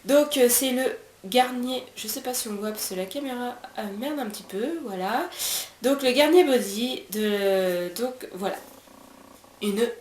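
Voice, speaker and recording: A woman's voice: a little high, expressive, moderate pace, darkish tone. A French woman with a French accent reviewing beauty products in a casual chat, talking freely with many fillers and restarts. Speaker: beauty vlogger. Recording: roomy echo, faint background hiss.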